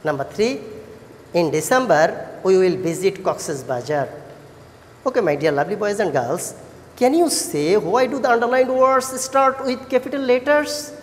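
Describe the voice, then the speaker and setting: A woman with a Bangladeshi accent teaching an English lesson to children, encouraging and praising like a kids show host, with deliberate sing-song questions. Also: mid-range voice, animated. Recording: echoey hall-like reverb.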